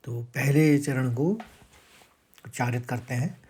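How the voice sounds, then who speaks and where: Man teaching chanting, talks slow, mid pitch, drawn-out sung verses. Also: warm tone, slightly rough. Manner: chants verses slowly with stressed syllables. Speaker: recitation teacher. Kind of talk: scripture recitation lesson.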